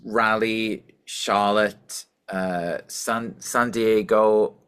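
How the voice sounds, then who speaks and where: A man with a softened Welsh accent talks easily in an interview, rambling a little with fillers and self-deprecating asides. His voice sits fairly low. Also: fairly even intonation, drawn-out words, clear, resonant tone. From Wales. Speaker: musician guest. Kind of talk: casual interview chat.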